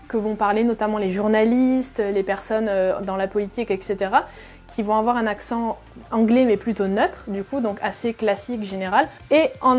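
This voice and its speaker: A woman's voice: on the high side, a little mellow. Chatty woman host explaining things. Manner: chatty, many fillers and repeated "effectivement". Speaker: host reacting to a video. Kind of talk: explanatory casual commentary.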